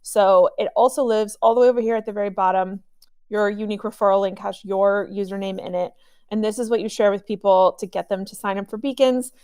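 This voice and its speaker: A woman hosting a live software training webinar, chatty and upbeat, with a cough drop in her mouth. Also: medium pitch, fairly even intonation, fairly quick, smooth, dry recording, clean studio sound. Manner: chatty, upbeat, friendly with filler ums.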